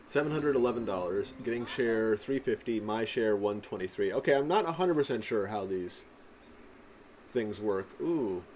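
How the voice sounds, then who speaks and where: A man's voice: fairly low pitch, animated, moderate pace, a little mellow, slight background noise. A man giving casual gameplay commentary as host. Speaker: gamer host.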